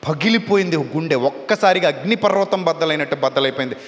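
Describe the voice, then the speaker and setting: A man preaches with fervor, stacking repeated phrases for emphasis. His voice sits high and carries a long, ringing hall reverb. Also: fast. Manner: fervent, emphatic repetition. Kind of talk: sermon.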